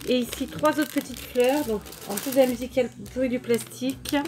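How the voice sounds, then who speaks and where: This time the crafting YouTuber sounds high-pitched and fairly even, talking a little fast over background noise. She chats casually with viewers about the mail and purchases she unpacks, with many fillers and restarts and warm thanks.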